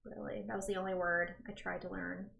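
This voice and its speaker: A woman's voice: lowish voice, little pitch movement, fairly quick, creaky, a bit bright. A woman with a standard American accent chatting casually as a podcast co-host. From United States. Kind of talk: casual chat. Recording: roomy, echoey indoor sound.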